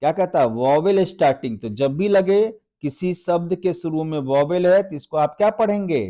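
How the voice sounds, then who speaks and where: A man teaching English grammar in a video lesson, asking himself questions and answering them, drawing out each example word slowly. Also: on the high side, animated, warm tone. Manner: slow and deliberate, asks questions then answers them; spells out example words slowly. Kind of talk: classroom-style video lesson.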